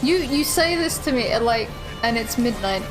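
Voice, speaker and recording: A young woman streams a game and chats casually with friends, self-deprecating and quick to laugh. Her voice sits a little high. Faint music plays behind her. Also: expressive, poor audio. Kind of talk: casual chat while streaming.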